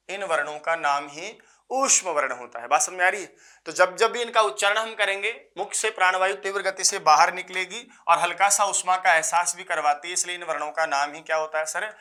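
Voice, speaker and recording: A male Sanskrit teacher gives an exam-prep grammar lecture in a bright, fairly high voice. He repeats phrases slowly and answers his own questions, and he slips in homely jokes for his students. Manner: folksy jokes, addresses students as sir.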